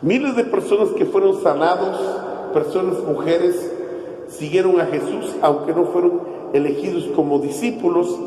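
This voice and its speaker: A man's voice: high-pitched, moderate pace, warm tone, a little hiss or hum. A man preaching a sermon as pastor, emphatic and repeating his key phrases. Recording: echoey church hall, heard from far off.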